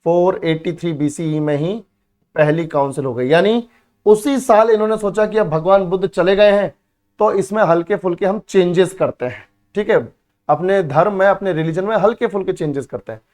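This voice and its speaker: In this exam-prep history class, a high-voiced man with a darkish tone drills his students at a normal pace. He repeats key words, addresses them as beta and bhai, and answers the questions he puts to them.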